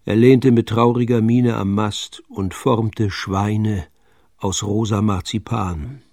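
A man narrating a children's adventure story in a calm, measured storytelling voice. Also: lowish voice, no echo, clean studio sound.

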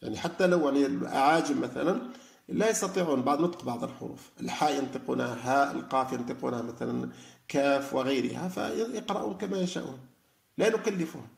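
Fast-talking man with a gravelly voice. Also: mid-range voice. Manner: conversational, many fillers and restarts. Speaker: teacher of Quran reflection. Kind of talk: informal religious lesson. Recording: echoey room.

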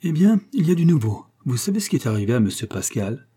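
A man's voice: on the low side, quick pace, husky. A man reading aloud, voicing an eager middle-aged aunt bursting with gossip. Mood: excited. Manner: excited, breathless gossip.

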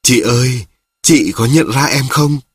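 A man voicing a coarse, blunt old village uncle with a husky voice, talking roughly and swearing freely. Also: medium pitch, unhurried, dry recording, clean studio sound. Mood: pleading.

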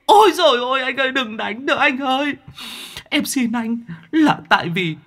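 A man voicing a cowardly, talkative male demon who whines and rambles in a high, wheedling voice. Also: lively intonation, moderate pace, a bit bright, full character voice. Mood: pleading. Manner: whining, rambling, pleading. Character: cowardly chatty male demon, whiny pleader.

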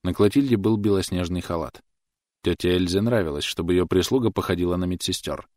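A man narrating an audiobook in a measured, even reading voice. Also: deep voice, no echo, studio quality. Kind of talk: scripted narration.

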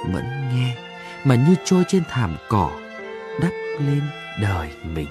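A man reading a short story aloud in a soft, lingering, emotional late-night reading style. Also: medium pitch, very animated, takes it slowly. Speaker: story reader. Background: soft violin music.

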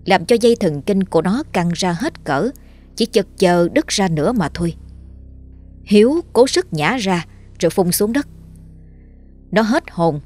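A woman narrating a ghost story in a steady, dramatic storytelling voice. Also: fairly low pitch.

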